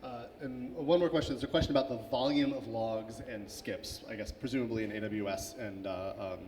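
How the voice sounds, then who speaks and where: A man's voice: on the low side, fairly quick, a little mellow. A man moderating a conference Q&A, reading out questions casually with many fillers. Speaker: session moderator. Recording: reverberant hall, faint background noise.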